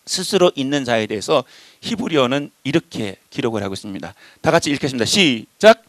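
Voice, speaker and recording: A man preaching a sermon, animated and emphatic, addressing the congregation directly. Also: brisk, no room sound. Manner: animated, voices shifting pitch and loudness for emphasis.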